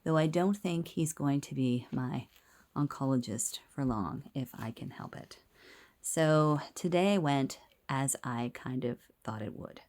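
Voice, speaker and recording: A woman speaks into a handheld phone camera in a small clinic room, recording her video diary. Her voice sits very low and she takes her time, talking candidly with a wry edge and sometimes slipping into a whisper. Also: a little mellow. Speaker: video diarist. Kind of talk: casual personal video diary.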